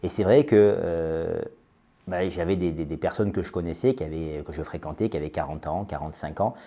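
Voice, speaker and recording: A man's voice: low voice, fairly quick, mellow. A man in his late thirties speaking as a guest in a podcast interview, hesitant, with many fillers and repeated words. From France. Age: 30s. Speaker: interview guest, business owner.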